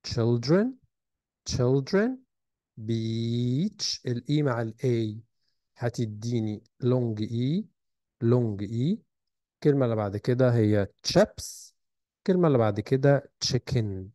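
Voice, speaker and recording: A man's voice: mid-range voice, animated, unhurried, mellow, no room sound. A man with an Egyptian Arabic accent, teaching a recorded textbook lesson and spelling out sounds and words carefully. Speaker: English teacher.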